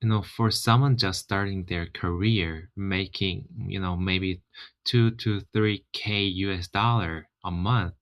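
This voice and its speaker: A man with a Korean accent hosts a casual explainer vlog in a low, deep voice. He talks at an unhurried pace, friendly and chatty, often filling pauses with "you know.". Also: fairly even intonation, a bit bright. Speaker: channel host.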